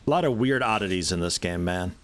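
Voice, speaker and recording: A man streaming a video game, giving relaxed, wry commentary and swearing casually. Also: low-pitched, fairly quick, slight background noise. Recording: game music playing underneath.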